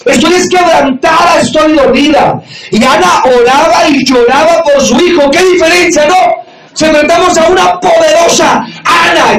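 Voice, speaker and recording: High-voiced man preaching loudly, echoey hall. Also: distant mic. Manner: preaching loudly with frequent shouted emphasis; acts out quoted voices in dialogue. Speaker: pastor. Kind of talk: sermon. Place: church or meeting hall with audience. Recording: echoey room, mic from afar, audience noise.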